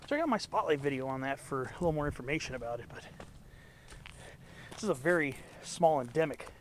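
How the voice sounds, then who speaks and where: Medium-pitched and fairly quick with lively intonation, this hiking vlogger is a congested young Southern Californian filming on a camera as he walks a canyon trail outdoors. His casual narration is enthusiastic and rambling, sprinkled with botanical asides, with slight background noise.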